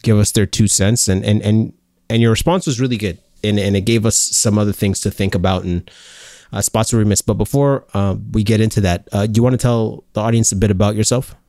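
Low-voiced man co-hosting a podcast. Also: steady tone, a little mellow, no room sound, clean studio sound. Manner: halting, many fillers and restarts. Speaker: podcast co-host. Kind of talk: casual podcast chat.

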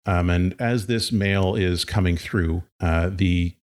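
A man running a tabletop role-playing game as game master, narrating in a halting way with many fillers. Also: low-pitched, darkish tone. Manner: halting, with frequent fillers and laughs.

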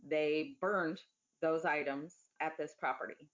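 A woman being interviewed, giving an unscripted account in a plain, deliberate, factual way. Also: deep voice, steady tone, dull audio.

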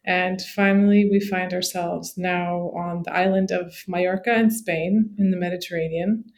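A woman from Morocco, a podcast guest, telling her story in a friendly, relaxed way with fillers. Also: on the low side, normal speed. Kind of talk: casual interview chat.

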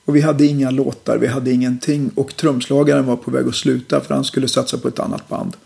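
Gravelly, mellow middle-aged man recalling. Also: medium pitch. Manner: relaxed, reflective storytelling with many fillers. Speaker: musician guest. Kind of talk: casual interview talk.

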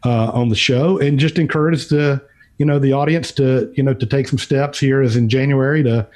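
Male podcast commentator, relaxed dark tone, mid pitch, halting conversational delivery. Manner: halting, repeating words as he thinks aloud. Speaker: podcast's featured financial commentator.

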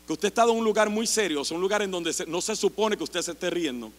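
Impassioned high-voiced male preacher. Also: fast talker. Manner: impassioned, rising to shouts. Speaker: pastor. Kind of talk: sermon. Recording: long hall reverb.

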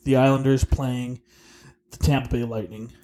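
A young man co-hosting a casual sports podcast, excitable, swearing and quick to laugh. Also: mid-range voice. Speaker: podcast co-host.

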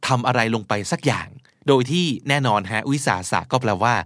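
A man teaching English vocabulary and idioms, acting out example lines in English with animated delivery. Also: mid-range voice, a little fast, no room sound, clean studio sound. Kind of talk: vocabulary lesson.

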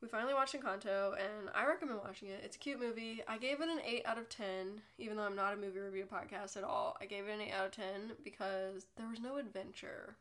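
She's a fast talker who hardly pauses, her mid-range voice a bit bright. The young woman is hosting her solo podcast while congested from a cold, chatting casually in a rambling, self-deprecating manner.

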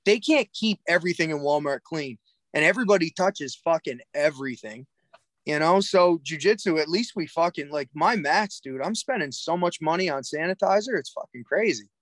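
A man with a Cape Breton accent and a slightly high voice talks in a loose, casual way. He is blunt and swears easily. The sound is very dry, with no room echo. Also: animated, normal speed, fairly bright tone. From Cape Breton Island, Nova Scotia, Canada. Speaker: podcast guest, jiu-jitsu coach. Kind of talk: casual chat.

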